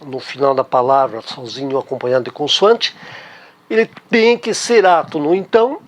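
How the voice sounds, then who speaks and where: A man's voice: mid-range voice, normal speed. A man with a Brazilian Portuguese accent teaching a language lesson, patiently repeating key words and checking in with the listener. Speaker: German teacher.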